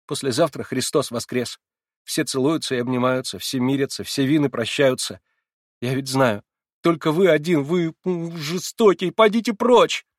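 A man reading aloud and voicing a distraught, defiant young orphan girl who shouts and sobs. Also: fairly even intonation, normal speed, no room sound, clean studio sound, natural voice. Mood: sobbing. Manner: shrill, sobbing, shouting outbursts.

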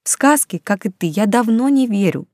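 A woman's voice: on the high side, animated, normal speed, darkish tone, no echo, pitched above the performer's own voice. A woman voicing a reserved, sober-minded young single mother who speaks wryly, in a dry close reading. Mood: guarded. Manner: wry, reserved.

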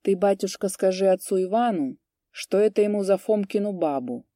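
A woman voicing a gruff, spiteful male peasant horse thief who speaks curtly and mockingly. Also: medium pitch, lively intonation, moderate pace, warm tone, dry recording, clean studio sound, natural voice. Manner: husky, curt and mocking.

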